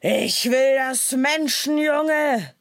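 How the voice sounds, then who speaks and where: Brief: a woman doing a huge, furious storybook tiger, pitched higher and loud, roaring slowly. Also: no echo, studio quality, heavily acted.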